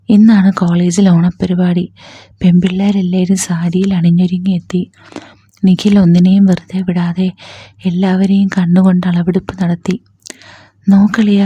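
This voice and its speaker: A woman narrating a romantic story in a soft, partly whispered reading voice. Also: on the low side, husky, no room sound.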